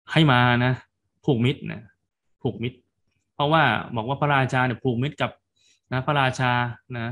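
A man's voice: medium pitch, a bit bright, close to an everyday voice. A man voicing a sly, persuasive turtle. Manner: earnest, persuasive storytelling speech. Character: clever scheming male turtle pleading his case.

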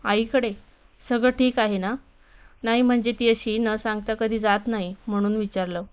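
A woman voicing a caring, gentle middle-aged mother-in-law in a story reading. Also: a little high, steady tone, moderate pace, clean tone, natural voice. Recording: dull lo-fi recording.

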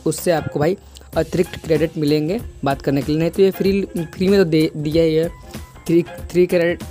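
A man's voice: a little high, dark tone. A young man giving a casual app tutorial voice-over, repeating himself and addressing the listener as a buddy. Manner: repetitive, peppers sentences with "bhai". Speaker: tech video host. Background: background music.

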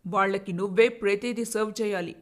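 A woman doing a loud, domineering mother-in-law. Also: medium pitch, steady tone, brisk, voice pushed down, natural voice. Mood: harsh. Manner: shouting, scornful, threatening. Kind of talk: storybook narration.

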